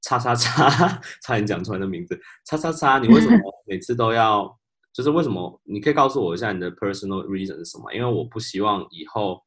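A man with a somewhat low voice tells work stories in a relaxed podcast chat. He is animated and laughs often as he goes. He slips English words in mid-sentence. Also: fast. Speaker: podcast co-host. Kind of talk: casual storytelling chat.

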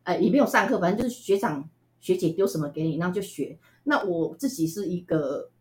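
A woman from Taiwan with a Taiwanese Mandarin accent, telling stories as an interview guest in a chatty, animated way with frequent laughs. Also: lowish voice, fairly quick. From Tainan, Taiwan. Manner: chatty, animated, laughs often, many fillers. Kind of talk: casual storytelling interview.

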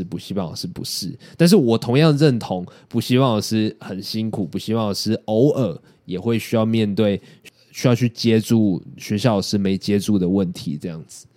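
Low-voiced, mellow man. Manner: thoughtful, hesitant, many restarts. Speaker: podcast host and editor. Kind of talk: casual chat.

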